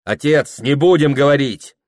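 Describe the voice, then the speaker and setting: A man's voice: medium pitch, normal speed, darkish tone, pitched above the performer's own voice, lightly acted. A man voicing an anxious, lovesick young merchant's son who talks in a tense, pleading way.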